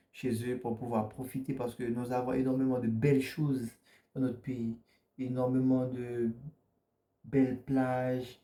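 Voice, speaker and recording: A man answers interview questions earnestly, often stumbling and repeating himself mid-sentence. His voice is dark and mellow, and the recording has a roomy echo around it. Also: mid-range voice. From French Guiana. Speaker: interview guest.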